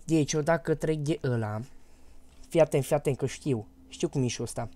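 A Romanian man streaming a horror game live, chatting casually and bursting into loud, panicky repeated shouts. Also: fairly high pitch. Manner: panicky, loud outbursts and rapid repeated words. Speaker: gaming streamer.

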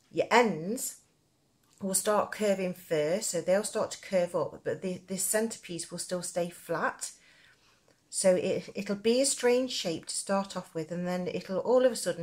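A woman with a Nottingham accent, giving a casual, rambling craft tutorial in a chatty, informal way. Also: fairly low pitch. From Nottingham, England. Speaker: crochet tutorial presenter.

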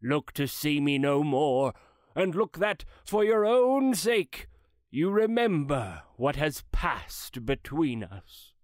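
A man voicing a mournful old ghost, slow and resonant. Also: on the high side, sing-song, no room sound, studio quality. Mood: urgent warning. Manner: slow, grave, mournful pronouncements. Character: ghost of a dead old businessman, solemn and regretful. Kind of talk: dramatized classic story reading.

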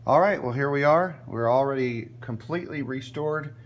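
A man hosting a step-by-step tech tutorial, plain and relaxed, often checking in with "okay?" as he works on a laptop at a workbench. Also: medium pitch, moderate pace. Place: indoors at a workbench filming a laptop screen.

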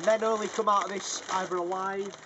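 A man's voice: high-pitched, flat delivery, a little fast, highs cut off. A young man chatting casually to camera as he hosts a challenge video outdoors. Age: young adult. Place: small fenced back garden, outdoors. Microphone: camera a few feet away. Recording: clear outdoor background noise.

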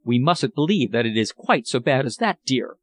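A man's voice: high voice, sing-song, moderate pace, no echo, voice pushed up. A man voicing an anxious, refined English lady in an audiobook, speaking in an earnest, genteel, sorrowful way. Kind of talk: audiobook character voice.

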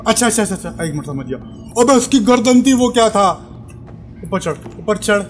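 A man with an Urdu-speaking accent gives jumpy, excitable commentary on a horror game, repeating words and swearing when scared. His voice sits high for a man. Game music plays clearly behind him. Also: a little fast. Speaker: gameplay commentator. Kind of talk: live horror gameplay commentary.

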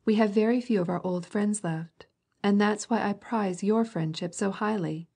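A woman reading aloud and voicing a gentle, sad-faced older noblewoman in an audiobook. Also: mid-range voice, moderate pace, vocal fry, husky. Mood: earnest.

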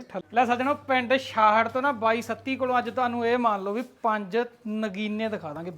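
A man showing buffaloes at a farm, calling out directions in a brisk salesman patter. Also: sits high, fairly bright tone, dull audio. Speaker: livestock dealer vlogger. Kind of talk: on-farm livestock showcase. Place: outdoors at a dairy farm.

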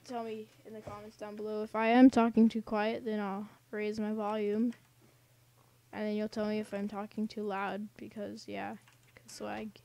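A woman's voice: mid-range voice, completely flat delivery, normal speed, vocal fry, warm tone. A young woman casually commenting on a game she is playing, rambling and giggling with silly asides, recorded at home. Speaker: gaming channel host.

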